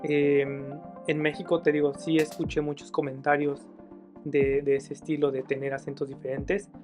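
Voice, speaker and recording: A Mexican man hosting an interview, talking in a reflective, rambling way with many fillers. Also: a little high. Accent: Mexican Spanish. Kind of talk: casual conversational interview.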